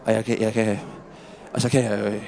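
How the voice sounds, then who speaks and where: A man's voice: fairly low pitch, little pitch movement, vocal fry, background noise. An actor in his thirties playing a restless man haunted by his drinking, who stammers and repeats his words as he rambles. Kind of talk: film drama acting.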